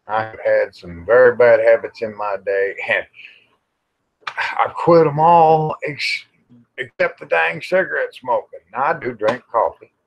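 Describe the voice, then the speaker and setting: Folksy and plain-spoken, with a bit of mild cussing, this American livestream host, middle-aged or older, rambles through a casual chat. His mid-range voice is creaky and a little slow, heard over dull, lo-fi audio.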